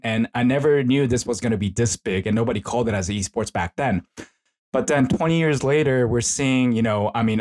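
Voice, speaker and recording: A middle-aged esports consultant and professor from South Korea, speaking in a mid-range, slightly mellow voice with a Korean accent, chats informally and hesitantly, rambling as a guest in a casual conversational interview.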